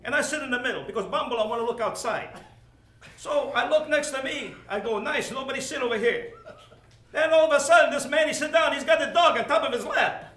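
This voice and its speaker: A man's voice: very high-pitched, a little fast, fairly bright tone, reverberant. A man playing a talkative older accordion player who tells comic stories in broken English. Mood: joking. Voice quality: broken English, chuckling storyteller. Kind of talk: comic monologue.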